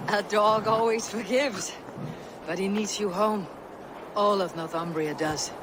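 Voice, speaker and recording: A woman's voice: mid-range voice, fairly even intonation, unhurried, natural voice. A woman playing a steadfast Viking warrior in a video game, speaking firmly and bluntly. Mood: gentle. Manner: firm, blunt, commanding. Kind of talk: dramatic video game acting. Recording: clear background ambient noise.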